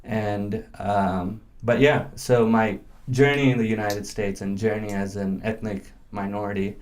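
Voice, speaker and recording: A man from India in his early thirties, with a low-pitched voice. He speaks as a guest in a casual conversation, working through his thoughts with fillers and restarts. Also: fairly even intonation, unhurried, a little mellow. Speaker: interview guest.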